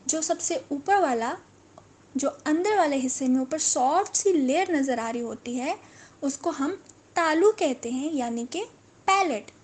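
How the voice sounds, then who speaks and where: Female teacher, high voice, unhurried word-by-word drilling, light music bed. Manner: drills each word slowly, correcting mispronunciations. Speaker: English vocabulary teacher. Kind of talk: slow, repetitive vocabulary lesson.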